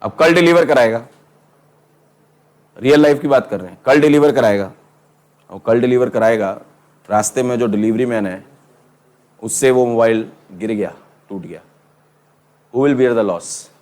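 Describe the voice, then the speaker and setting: A middle-aged man teaching law to a class, lively and teasing, calling his students "beta" and asking them questions. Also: mid-range voice, measured pace, pauses often. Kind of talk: classroom lecture.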